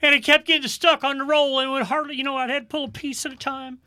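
A man putting on the voice of a tearful little boy, high-pitched and choked up as he sobs out what happened. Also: flat delivery, fast talker, pushed and bright, dry recording, studio quality, heavily acted. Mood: sobbing. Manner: high, choked, sobbing delivery.

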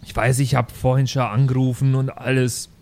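In an improvised audio role-play, a man plays an earnest, flustered, suspicious schoolteacher acting as an amateur sleuth, sounding puzzled, hesitant, and colloquial. His medium-pitched voice is level and darkish at a moderate pace, close to his everyday voice.

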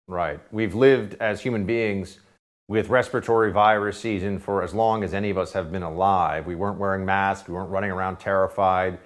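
A man hosting a political talk radio show, delivering sarcastic commentary that swings between loud jabs and quiet asides. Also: low-pitched, fairly even intonation, fairly quick. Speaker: radio host.

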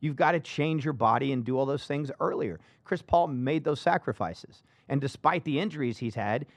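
A man hosting a casual sports talk show, emphatic and animated, often restarting his sentences. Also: fairly high pitch, dry recording.

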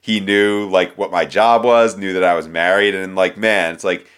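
Deep-voiced man rambling casually. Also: fairly even intonation, moderate pace, a bit bright, clean tone. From United States. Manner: rambling, self-deprecating, lots of fillers. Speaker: podcast co-host. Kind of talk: casual chat.

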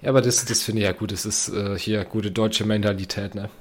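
A man's voice: fairly low pitch, steady tone, brisk. A young man co-hosting a podcast in casual chat, teasing his partner with short, blunt slang replies. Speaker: podcast co-host.

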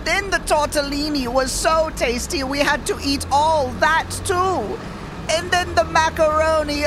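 Brief: whiny cartoon scallion, very high and slow, music behind. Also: female voice, noisy background. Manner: whiny, swooning over food. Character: greedy, whiny scallion patient.

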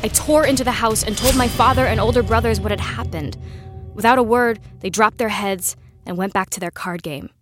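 A woman's voice: a little high, brisk, natural voice. A woman playing a haunted young storyteller over music. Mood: tense. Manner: earnest, tense storytelling. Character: young woman recalling a horror from her girlhood. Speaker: first-person narrator. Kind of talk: scripted horror narration. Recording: music bed under voice. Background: clear music.

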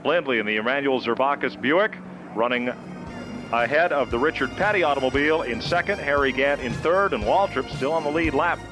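A man's voice: mid-range voice, fairly quick, music in the background. A man working as a motorsport commentator, describing a live race in full, descriptive sentences.

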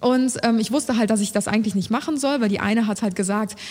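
A young woman telling a story in casual, slangy chat, acting out quotes. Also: quick pace. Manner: animated storyteller, acts out quotes in high shrill voices; colloquial, slangy, many fillers. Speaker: podcast co-host telling a story. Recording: long echo, room reverb.

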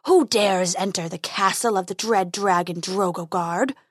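A woman voicing a huge, grumpy male dragon who booms, then grumbles and sulks. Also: no room sound, studio quality, natural voice. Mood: booming. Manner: booming, slow and grumbling.

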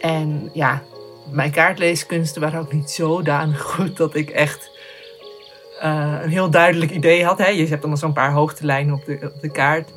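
A woman's voice: low-pitched, fairly even intonation, normal speed, faint music behind. Hesitant young woman telling a story. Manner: hesitant, many fillers and restarts. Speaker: guest telling a solo hiking story. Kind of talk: reflective storytelling.

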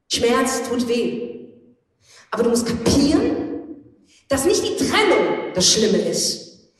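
A woman speaks slowly and insistently from a stage, her somewhat high voice swinging widely in pitch. She is picked up from far off, in a big hall with a long, roomy echo. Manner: insistent, preaching. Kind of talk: motivational stage speech.

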